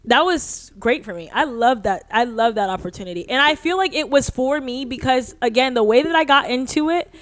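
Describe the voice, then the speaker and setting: Young woman, podcast guest, fairly high voice, dry sound, animated, casual chat. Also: brisk, hardly any pauses, dry recording. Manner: animated, gushing, leans on "like".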